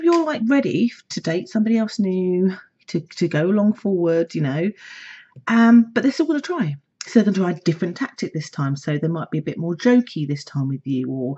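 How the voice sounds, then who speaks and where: A woman psychic reader chats through a monthly love forecast in a husky, breathy voice, laughing often and acting out imagined back-and-forth conversations. The recording is slightly muffled and lo-fi. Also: on the low side. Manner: chatty and animated, laughs often, acts out imagined dialogue. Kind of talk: casual monthly horoscope forecast.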